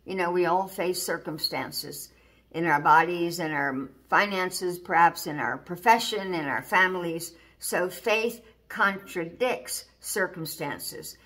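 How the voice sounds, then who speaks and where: A woman's voice: lowish voice, slow pace, fairly bright tone. A woman giving an informal sermon, earnest and repeating key lines, reading scripture aloud. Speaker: Bible teacher.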